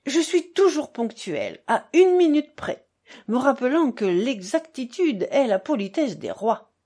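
A woman's voice: high-pitched, a little slow, voice pushed up, heavily acted. A woman voicing a buffoonish, fawning aging man in an audiobook reading, talking theatrically and mocking himself. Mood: excited, clowning. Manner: theatrical, self-mocking, excitable.

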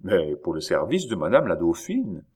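A man's voice: low voice, huge pitch swings, moderate pace, darkish tone, slightly rough, heavily acted. A man voicing a stubborn innkeeper-postmaster who protests in an exasperated way. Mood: protesting. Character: flustered stubborn older male postmaster.

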